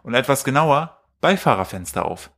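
A man's voice: medium pitch, expressive, normal speed, fairly bright tone. A man co-hosting a casual podcast with his wife, telling stories in a rambling way and reading out news with jokes. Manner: rambling storyteller, reads news aloud with jokes. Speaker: podcast co-host. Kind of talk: casual chat.

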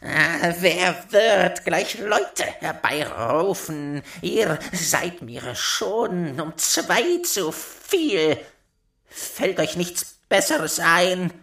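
A man's voice: high-pitched, sing-song, drawn-out words, creaky, sharp tone, voice pushed up, heavily acted. Man putting on a snarling old dwarf. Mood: scolding. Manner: scolding, snarling. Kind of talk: storybook reading.

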